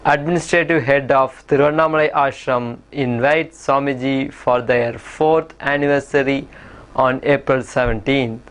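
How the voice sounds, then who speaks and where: A man's voice: mid-range voice, steady tone, moderate pace, fairly bright tone, clean tone. A man presenting scripted news in the manner of a field reporter. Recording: music behind the voice. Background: music.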